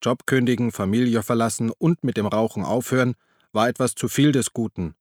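A man voicing a calm male friend who chides his companion in a level tone. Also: medium pitch, brisk, dry recording, clean studio sound, natural voice.

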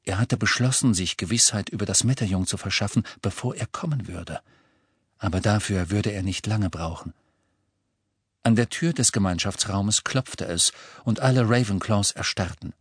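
A man narrating a fantasy audiobook in a measured, dramatic storytelling manner. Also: on the low side, slightly rough, no room sound, studio quality. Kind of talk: scripted narration.

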